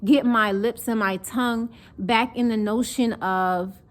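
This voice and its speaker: A woman's voice: fairly high pitch, measured pace. A young woman from North Carolina with a Southern accent mixed with northern speech, chatting casually and animatedly to camera as a vlogger. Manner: chatty, animated, acts out mocking quotes.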